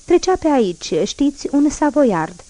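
A woman's voice: sits high, very animated, warm tone, dry recording, pitched above the performer's own voice. A woman voicing a desperate, guilt-ridden middle-aged ex-convict man who pleads and questions urgently, in a storybook reading. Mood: pleading.

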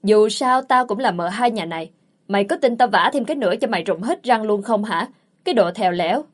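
A woman reading the part of a young wife who is quick to anger and sharp-tongued. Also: mid-range voice, expressive, natural voice. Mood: furious.

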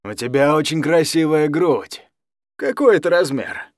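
A man's voice: on the high side, animated, a little slow, dry recording, clean studio sound. A man voicing a drunk, boorish middle-aged guardian who slurs and mumbles his words, in a storybook reading. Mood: drunk, leering.

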